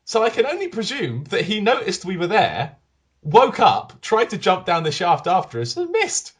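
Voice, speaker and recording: A man co-hosting a podcast, telling a gaming story in animated fashion and acting out the quotes in casual chat. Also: sits high, normal speed, slightly rough. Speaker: podcast co-host.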